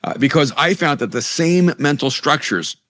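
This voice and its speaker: Animated and fairly high-pitched, a middle-aged man from El Salvador speaks at normal speed with a fairly bright tone as the author and pastor guest in a conversational interview. A native Spanish speaker, he is earnest and often restarts sentences and repeats words.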